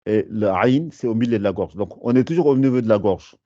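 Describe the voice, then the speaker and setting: A man teaching a beginner language class, patiently repeating sounds slowly to show how they are pronounced. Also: fairly low pitch, expressive, dark tone, no echo, dull audio. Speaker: Arabic teacher.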